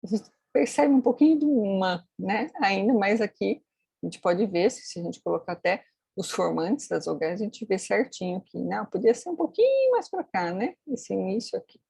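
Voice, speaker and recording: A woman's voice: medium pitch, lively intonation, moderate pace, gravelly, warm tone, husky, dry recording. A woman teaching phonetics in a screen-recorded tutorial, explaining step by step and checking in with tag questions. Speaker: phonetics instructor.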